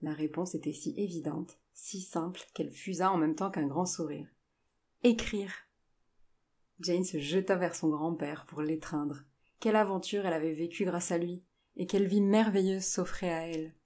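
A woman narrates a story in a measured, even reading voice. Her tone is low and mellow, with a soft, dark color. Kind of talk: scripted narration.

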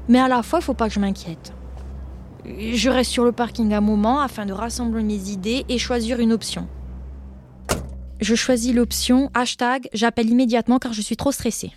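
Young woman narrator, chatty and direct, fairly high voice, faint hiss behind. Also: a little mellow. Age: young adult. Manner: conversational, frequent "hein", addresses listeners directly. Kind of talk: personal storytelling.

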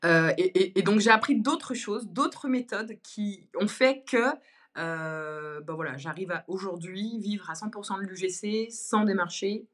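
A woman's voice: mid-range voice, a little slow, fairly bright tone. A young woman talking as a guest on a podcast, chatty and easygoing, full of fillers and restarts. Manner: chatty, many fillers and restarts, laughs easily. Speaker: guest, content creator. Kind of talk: casual podcast conversation.

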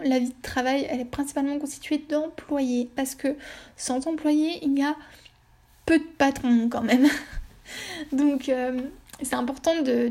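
A woman with a warm voice that sits high hosts her own podcast, talking casually on her own. She rambles and hesitates, with lots of fillers and restarts.

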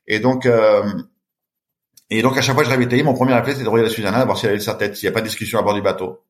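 Racing along in a lowish voice, a middle-aged long-distance swimmer tells a story as a podcast guest. He keeps it lively, acting out the voices of the story's characters.

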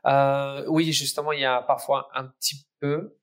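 A startup cofounder who grew up in Ireland, a native English speaker with a slight Irish accent, answers interview questions hesitantly and with many fillers. His voice is mid-range and flat, at a measured pace.

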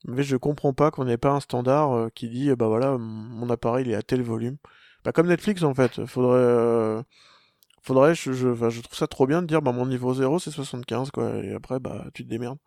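Man, young adult, gravelly voice, dry close sound, rambling casual chat. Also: medium pitch, brisk, a little mellow, dry recording. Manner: rambling, many restarts and fillers. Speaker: podcast co-host.

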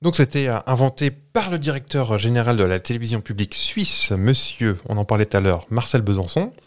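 A man's voice: mid-range voice, lively intonation, fairly quick. A man with a French accent co-hosting a casual podcast, explaining facts with many fillers and restarts. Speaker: podcast co-host. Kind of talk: casual chat.

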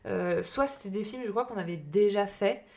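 A woman's voice: mid-range voice, normal speed, vocal fry, a little mellow. A woman chatting casually as a podcast co-host, hesitant and searching for words. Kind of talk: casual chat.

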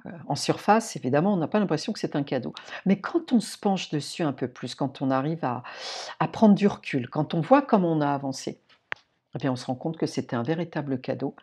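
Woman host, low mellow voice, informal self-help talk straight to the listener, hesitant restarts. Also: slightly rough. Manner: addresses listener directly, informal, many fillers and restarts. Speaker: podcast host. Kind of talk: reflective personal-growth talk.

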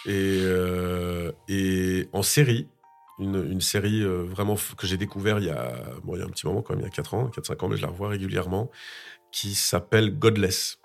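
A man in his thirties with a French accent and a fairly low voice, answering interview questions in a loose, casual way. He hesitates, restarts his sentences and fills gaps with lots of fillers. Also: steady tone, a little fast, vocal fry, faint music behind. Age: 30s. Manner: hesitant, many fillers and restarts, laughs often. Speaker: guest actor.

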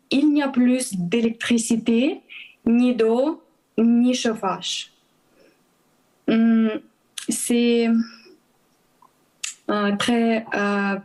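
A woman in her thirties with a Ukrainian accent, addressing a church congregation with her testimony and requests for prayer. She speaks slowly and haltingly, often stopping to search for words and restarting. Her voice sits on the higher side. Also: darkish tone, poor audio. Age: 30s. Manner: hesitant, many fillers and restarts.

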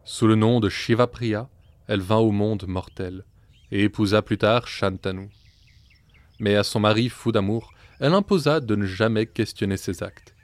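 Male storyteller, low voice, measured scripted narration, dry close mic. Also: dry recording.

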